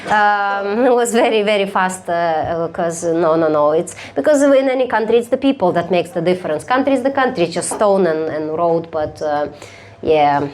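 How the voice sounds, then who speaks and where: Eine Komikerin, die auf einer Live-Bühne stumpf und neckend mit dem Publikum spricht und oft lacht. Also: female voice, on the low side, animated, moderate pace, darkish tone. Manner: blunt, teasing, laughs often. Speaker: stand-up comedian. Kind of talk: stand-up crowd work. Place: live comedy stage.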